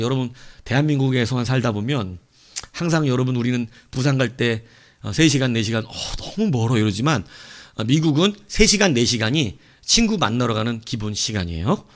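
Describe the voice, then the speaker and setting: Animated male pastor preaching a sermon. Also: mid-range voice. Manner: animated storytelling, swinging between loud outbursts and soft asides.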